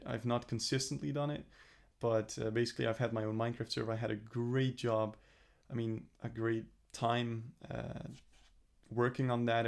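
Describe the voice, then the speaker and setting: A young man records a casual personal vlog, speaking earnestly to the camera about his plans. His voice is gravelly with a lot of fry, and he keeps his pitch fairly level. He rambles, restarts and corrects himself as he thinks aloud. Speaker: vlogger. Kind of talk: casual self-reflective vlog.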